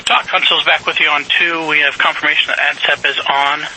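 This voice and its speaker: A man's voice: fairly high pitch, steady tone, fairly quick. A man working as a mission control communicator, giving procedural instructions in clipped phrasing over a crackly space radio link.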